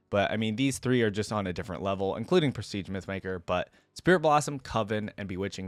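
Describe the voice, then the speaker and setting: A man with a mid-range voice hosts a video, offering casual reaction commentary with no room sound. He talks informally, often hedging or correcting himself, and partly reads aloud from a wiki.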